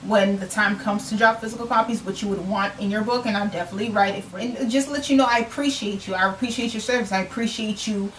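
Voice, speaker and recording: A woman's voice: mid-range voice, fast talker, few pauses, a bit bright, distant mic, slight background noise, low-quality recording. A woman in her twenties from the United States, talking casually about her writing in an earnest, reflective way, repeating phrases for emphasis. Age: 20s. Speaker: self-published author. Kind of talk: casual vlog talk.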